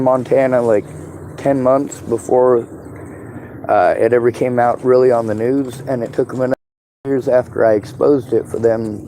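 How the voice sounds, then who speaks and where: A man's voice: mid-range voice, mellow. A man with a Southern-sounding drawl and toothless, slightly slurred speech, chatting casually in a blunt, rambling way full of swearing. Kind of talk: casual street conversation. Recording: clearly noisy outdoor recording with vehicle sounds.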